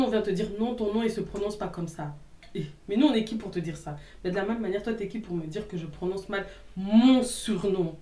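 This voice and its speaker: A young woman talks straight to her viewers, sassy and outspoken. Her voice sits at a medium pitch for a woman. It sounds a little distant from the mic, in a room with plenty of echo. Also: a little mellow. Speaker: YouTuber answering hater comments. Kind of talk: casual vlog chat.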